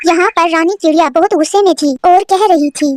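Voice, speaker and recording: A woman narrating a children's cartoon story in a simple, even storytelling manner. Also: very high voice, fairly quick, slight background noise.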